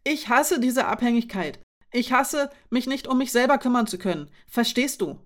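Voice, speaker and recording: A woman's voice: on the high side, lively intonation, moderate pace, pitched above the performer's own voice, lightly acted. A woman reading aloud voices a frustrated young woman who is angry about her dependence, speaking in a heated, raised voice.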